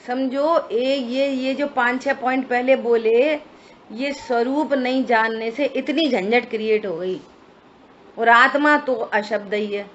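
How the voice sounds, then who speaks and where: A woman's voice: a little high, steady tone, slow pace, fairly bright tone. Woman teaching scripture on a lo-fi recording. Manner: explanatory, asks listeners rhetorical questions. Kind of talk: religious study discourse. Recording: dull lo-fi recording with faint hiss.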